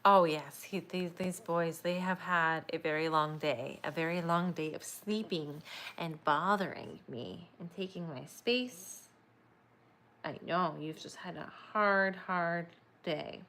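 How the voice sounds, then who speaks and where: A woman's voice: fairly low pitch, slow, a bit bright, slight background noise. A young woman chatting casually while she crochets, rambling, laughing often and cooing at her dogs. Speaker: crochet vlogger.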